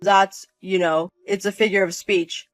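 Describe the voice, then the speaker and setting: A man's voice: high-pitched, level tone, unhurried, fairly bright tone, dry recording, soft background music, rough recording. A man voicing a self-centered husband in a drama, sounding flustered and pleading.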